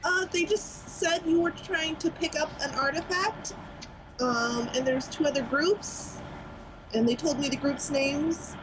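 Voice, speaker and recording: A woman's voice: sits high, measured pace. A woman playing a tabletop game, talking about her character in a chatty, hesitant way. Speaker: player. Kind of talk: casual tabletop role-play. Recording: noticeable background noise.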